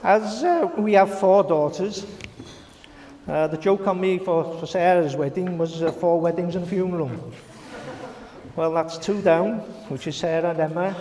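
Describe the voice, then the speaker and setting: A middle-aged man giving a wedding toast speech as father of the bride, halting and jovial, into a handheld mic in a large echoing reception hall. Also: high voice, a little mellow. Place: large glass-walled wedding reception room. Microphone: handheld microphone. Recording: echoey hall, handheld mic, guests reacting. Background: wedding guests murmuring and laughing.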